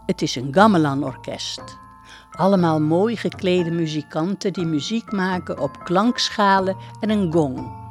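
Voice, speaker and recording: A woman narrating a storybook in a calm, measured way. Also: on the low side, faint music behind.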